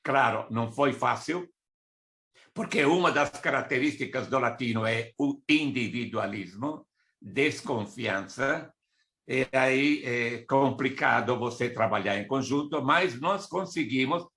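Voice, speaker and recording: An older man from Italy, a native Italian speaker with an Italian accent, speaks as an export consultant giving a didactic presentation on business, filled with asides and listed examples. He is unhurried, using a bright, forceful mid-range voice.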